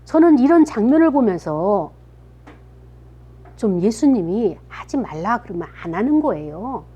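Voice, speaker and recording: A woman's voice: mid-range voice, sing-song, unhurried, husky, highs cut off. A woman pastor preaching a sermon, retelling scripture with dramatized quotes that rise to emphatic peaks.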